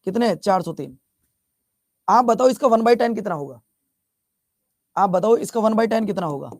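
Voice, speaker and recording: A man's voice: high-pitched, expressive, normal speed, dry recording, clean studio sound. A male teacher from Bihar giving a chatty classroom lecture, repeating his questions and teasing students as he scolds them. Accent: Bihar Hindi.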